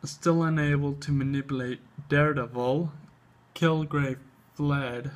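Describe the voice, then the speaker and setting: A man hosting a comic book show, reading aloud haltingly with casual asides, his speech slightly tripped up by an overbite. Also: on the high side, steady tone. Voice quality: slight speech impediment from an overbite, tongue flicking at upper lip. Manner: halting reading, stumbles and repeats words.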